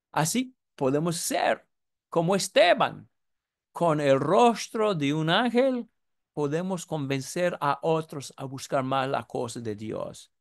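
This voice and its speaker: A man in his seventies, from the United States, preaching a sermon and telling a story in an earnest way. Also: a little high. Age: 70s.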